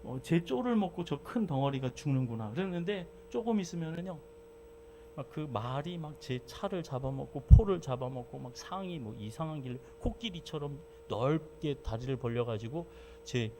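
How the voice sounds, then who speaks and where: A male pastor preaching a sermon who moves between loud fervent exhortation and relaxed, chatty storytelling. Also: fairly high pitch, moderate pace, slight background noise. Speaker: senior pastor.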